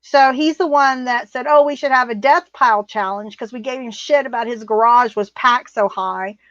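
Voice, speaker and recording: A woman's voice: on the high side, moderate pace, a bit bright, dry recording. A middle-aged woman co-hosting a livestream, reading viewer comments in a blunt, rambling casual chat. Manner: blunt, rambling, laughs often. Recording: muffled, dry sound.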